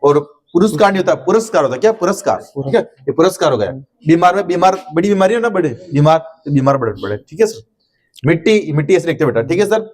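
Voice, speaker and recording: A man's voice: on the high side, expressive, fast, darkish tone. A middle-aged man teaching a Hindi spelling lesson in a classroom, coaxing his students with repeated tag questions.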